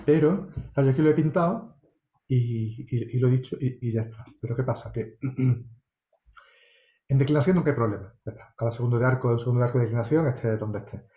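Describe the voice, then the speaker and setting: A man's voice: mid-range voice, quick pace, mellow, roomy sound. A man from Spain answering course questions as an astronomy lecturer, meticulous and explanatory, often checking in with tag questions. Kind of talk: online course Q&A.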